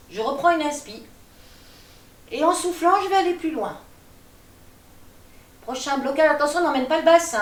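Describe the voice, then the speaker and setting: A woman teaching a gentle gym class, calmly cueing breaths and movements while she demonstrates. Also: high voice. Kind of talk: guided exercise class. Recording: echoey room, voice from a distance.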